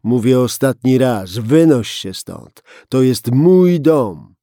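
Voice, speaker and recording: A hoarse, desperate gunman under forty who sounds strained and insistent, put on by a male narrator. His voice is dark and gravelly, and he forces each threat out. It is a slow, heavy delivery. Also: medium pitch, expressive, no room sound, studio quality. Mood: threatening.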